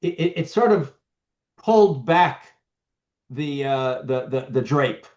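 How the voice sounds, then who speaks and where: A man's voice: medium pitch, animated, slow, a little mellow. Middle-aged man, guest on a video call, rambling with restarts, muffled sound. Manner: rambling, many restarts and fillers. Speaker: business owner guest. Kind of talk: casual interview talk. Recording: muffled lo-fi audio.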